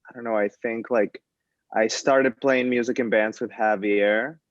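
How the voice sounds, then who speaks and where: Relaxed low-voiced man from Colombia. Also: measured pace, dry recording, highs cut off. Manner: relaxed, rambling, laughs easily. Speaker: band member, guest. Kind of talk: casual video interview.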